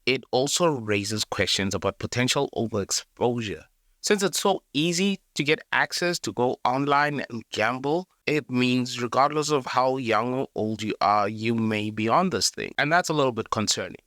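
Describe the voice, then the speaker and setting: A South African man hosts a documentary-style video essay, delivering scripted narration earnestly and straight to the viewer. His medium-pitched voice sounds pushed and bright, recorded cleanly in a studio with no echo.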